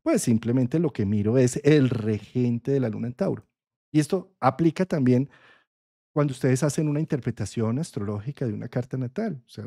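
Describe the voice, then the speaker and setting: A man with a Colombian accent talks through an astrology lesson in a relaxed, conversational way, pausing often to check that his listeners follow. His voice is mellow and warm, recorded close and dry with no room sound. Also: mid-range voice, no echo. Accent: Colombian Spanish. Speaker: astrology teacher.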